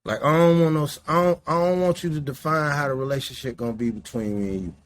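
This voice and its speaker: A man's voice: a little high, fast talker. Profane, rambling man in his late forties. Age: 40s. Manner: loose, profane, rambling street talk. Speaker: podcast host. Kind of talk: casual monologue. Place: indoors, smoking while talking.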